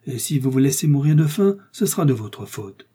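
In this audiobook, a smug aristocrat mocks and condescends in a dark, husky voice, as a male reader puts him on. He is raised a little above the reader's usual pitch. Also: moderate pace, lightly acted. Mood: mocking. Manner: mocking, condescending. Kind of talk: audiobook reading.

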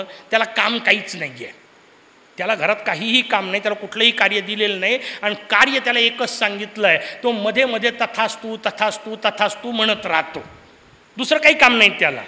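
Bright, high-pitched male preacher in a hall. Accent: Marathi. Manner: storytelling with humor and sudden loud emphatic bursts; addresses the audience with rhetorical questions. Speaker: preacher of a discourse series. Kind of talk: devotional discourse to a live audience. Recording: hall with long reverb.

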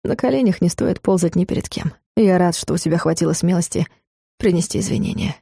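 Woman reading as a calm, ironic middle-aged father, low dark voice, dry close sound, audiobook reading. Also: brisk, vocal fry, slightly rough, no room sound.

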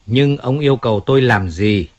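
Brief: male narrator doing an icy, stern crime boss, husky and measured. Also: mid-range voice, a little mellow, lo-fi sound, natural voice. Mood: cold. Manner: cold and measured. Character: cold, stern older mafia boss. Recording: faint music in background.

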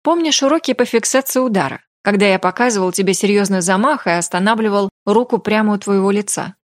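A woman reading the lines of a calm young male mage who coaxes and mentors. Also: medium pitch, quick pace, no room sound, studio quality, natural voice. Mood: coaxing.

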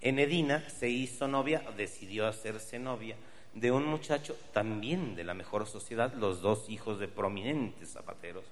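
A man's voice: fairly low pitch, normal speed, big-room sound, noisy background. Male stand-up comic, Mexican accent, profane and wry storyteller. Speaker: comedian.

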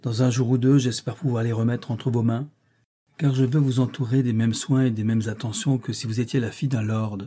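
A man's voice: medium pitch, steady tone, a little fast, mellow, a little hiss or hum, lightly acted. A man reading an ardent commanding master. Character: ardent middle-aged male master, commanding.

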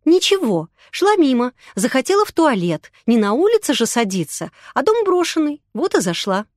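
A woman voicing a frightened, defiant young woman in an audiobook, speaking in a sharp, snapping way. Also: high-pitched, big pitch swings, normal speed, dry recording, clean studio sound, pitched above the performer's own voice.

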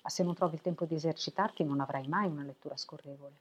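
A woman voicing a patient, encouraging young female tutor, coaxing and measured, for a storybook reading. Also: sits low, breathy edge. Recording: lo-fi web radio audio.

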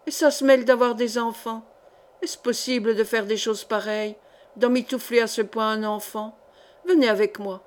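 A woman voicing a rough, irritable old landlady who scolds in a coarse, bossy way in a storybook reading. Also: on the high side, fairly even intonation, moderate pace, lightly acted. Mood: angry scolding.

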